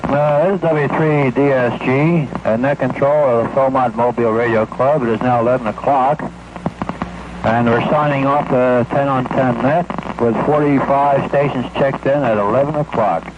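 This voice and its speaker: A man's voice: medium pitch, moderate pace. Man as net control over radio static. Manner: steady procedural call-sign reading. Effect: heard over a ham radio with static. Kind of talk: amateur radio roll call. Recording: dull, lo-fi radio with loud static.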